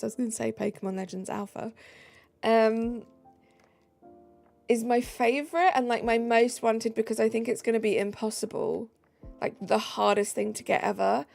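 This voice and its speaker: This streamer, a woman from the south of England with a southern English accent, has a high-ish, creaky voice. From a room at home, with faint music in the background, she games and chats casually, reading out viewer comments and answering them between trailing fillers.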